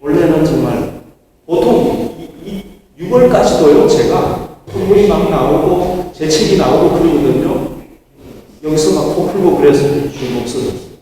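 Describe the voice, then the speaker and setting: A man's voice: fairly high pitch, expressive, unhurried, dark tone, a little hiss or hum. A male pastor preaching a sermon, telling a story and rising into emphatic exhortation, recorded in a church sanctuary. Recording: echoey hall, picked up from far off.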